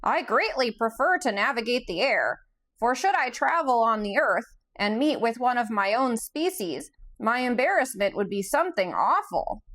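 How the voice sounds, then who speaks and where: Storybook creature, male, squeaky and mournful, a woman putting on the voice. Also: sing-song, moderate pace, a bit bright. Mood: formal. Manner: mournful, formal and long-winded. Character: squeaky male flying creature with a stuffed moose-like head, gloomy and pompous.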